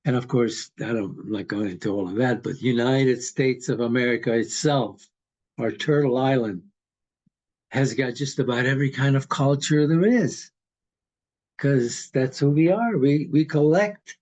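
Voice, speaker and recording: Slow-talking man in his eighties. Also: mid-range voice, a little mellow, poor audio. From Hungary. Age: 80s. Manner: slow, rambling and philosophical. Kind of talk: casual conversation.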